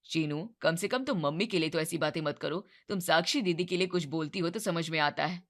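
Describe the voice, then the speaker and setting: A woman's voice: fairly low pitch, a little fast, voice pushed down, lightly acted. A woman voicing a young husband who speaks firmly and reasons with his wife, in a storybook narration. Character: young husband, calm but stern.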